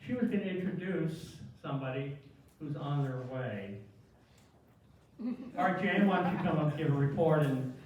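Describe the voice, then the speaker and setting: Male meeting host, fairly high pitch, casual chatty announcements, recorded in a heavily reverberant room. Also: animated, normal speed, pauses often, a little mellow, slight background noise. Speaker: meeting chair. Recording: very echoey hall, distant mic.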